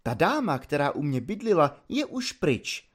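A man voicing a self-assured army lieutenant who speaks quietly and matter-of-factly. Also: big pitch swings, husky. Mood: dry. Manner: low, quiet and matter-of-fact.

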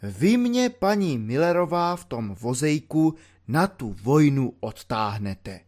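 A man reading an audiobook, voicing a good-natured simple soldier in a low, grave, drawn-out way with colloquial everyday speech. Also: sing-song, darkish tone.

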